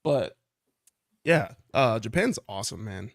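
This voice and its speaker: A man appearing as a guest on a podcast, talking in a relaxed, easygoing way. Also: lowish voice, unhurried, creaky, dry recording, clean studio sound. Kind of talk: casual podcast chat.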